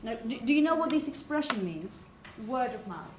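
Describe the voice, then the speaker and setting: A woman's voice: a little high, very animated, normal speed, noisy background. A woman teaching a classroom pronunciation lesson, patiently correcting students and often checking "okay?".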